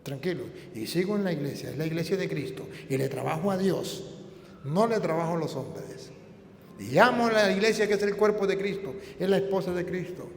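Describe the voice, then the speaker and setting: A man with a Colombian accent, a priest preaching a sermon with rhetorical questions, moving between hushed asides and loud appeals. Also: sits high, animated, fairly quick, gravelly, slight background noise. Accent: Colombian Spanish. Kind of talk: sermon and Bible teaching. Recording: echoey hall with faint room ambience.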